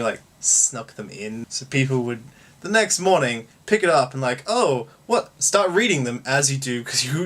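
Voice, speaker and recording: A man vlogging at home, telling a story in a sarcastic, jokey, lively way. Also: mid-range voice. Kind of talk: casual comedic storytelling. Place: at home, indoor room.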